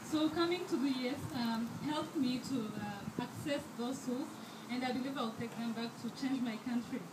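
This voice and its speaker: Speaking at normal speed in a voice on the high side, a young Rwandan woman in her twenties delivers an earnest fundraiser speech as a scholarship student, full of fillers and restarts. The event hall is echoey and noisy, and her handheld mic sits too far from her mouth.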